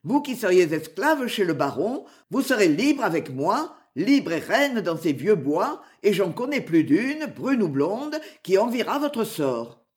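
A woman's voice: medium pitch, big pitch swings, a little slow, hardly any pauses, a little mellow. A woman reading aloud voices a fierce, mocking male outlaw who boasts and threatens. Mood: boastful.

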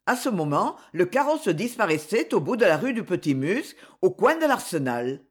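A narrator reading a historical adventure novel in a dramatic, expressive way. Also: medium pitch, normal speed, husky. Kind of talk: audiobook narration.

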